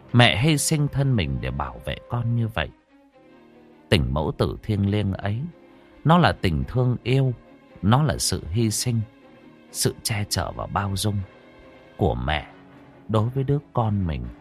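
A male storyteller reads a sad tale aloud with lots of dramatic feeling. His voice is on the low side yet swings widely in pitch, and soft background music plays underneath. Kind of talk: emotional story narration.

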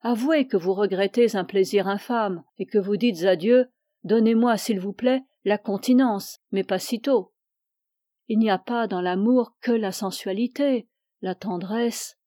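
Une femme qui prête sa voix à un mentor spirituel âgé et sévère, qui fait des reproches d'un ton dur. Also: female voice, mid-range voice, unhurried, dark tone, no room sound, studio quality, lightly acted. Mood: severe. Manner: stern, reproving. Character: stern older male spiritual mentor, severe.

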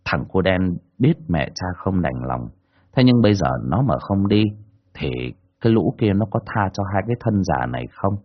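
A man narrating a dramatic folk tale in a husky, low voice. His delivery is expressive and lively, with wide swings in pitch. The recording is dull and lo-fi. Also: normal speed. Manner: expressive, colloquial. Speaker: storyteller.

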